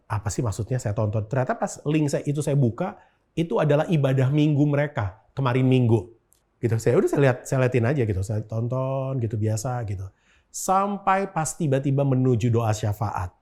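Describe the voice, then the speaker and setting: A man's voice: mid-range voice, animated, fairly quick, warm tone. A man, a guest in an interview, telling a personal story in casual chat, with frequent filler words. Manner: storytelling with frequent 'gitu' fillers and acted-out quotes.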